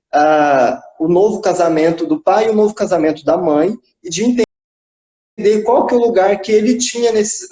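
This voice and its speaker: A man's voice: sits high, warm tone. Man telling a session story, echoey. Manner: recounts a session, acting out quoted dialogue. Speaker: psychodrama psychologist. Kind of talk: casual storytelling in a live chat. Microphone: phone on a live video stream. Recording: echoey room.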